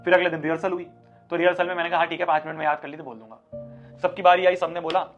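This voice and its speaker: A man's voice: a little high, flat delivery, very fast. A young man teaching online, telling a school story to motivate his students and acting out scenes in a fiery speech voice. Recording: slightly dull audio with soft background music.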